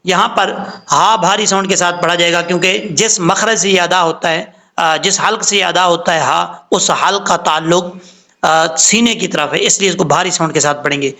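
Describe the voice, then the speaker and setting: A man teaching Quran recitation, explaining slowly and spelling out letters with drawn-out chanted examples. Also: sits high, steady tone, pushed and bright. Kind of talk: recitation lesson.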